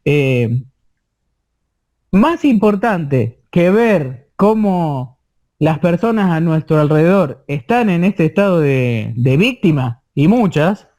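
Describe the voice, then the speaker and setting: High-voiced Argentine man lecturing. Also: animated, slow pace, darkish tone. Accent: Argentine Spanish. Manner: repetitive, restarts often, checks in with listeners. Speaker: course instructor. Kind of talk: online course lecture.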